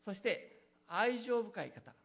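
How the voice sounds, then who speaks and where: A preacher delivering an earnest sermon, pitch swinging widely through the phrases. The voice is husky and gravelly, and it often hesitates on fillers. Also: animated, slow. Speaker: pastor.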